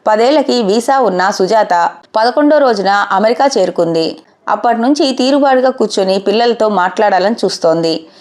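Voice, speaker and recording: Woman reading a story, calm measured pace, average pitch. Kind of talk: scripted narration.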